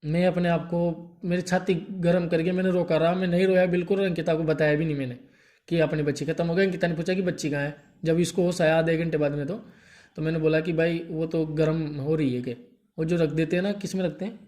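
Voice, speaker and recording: A young man telling a painful personal story in a halting, grief-stricken way, stopping often to soothe someone beside him. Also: on the high side, fairly even intonation, darkish tone. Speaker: vlogger telling his story.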